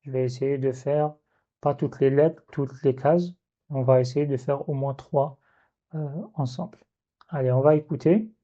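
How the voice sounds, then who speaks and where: Patient lesson teacher, unhurried and methodical, repeats each step, warm low-toned voice, muffled recording. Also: steady tone. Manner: patient, repeats questions and sounds slowly. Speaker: Arabic reading teacher.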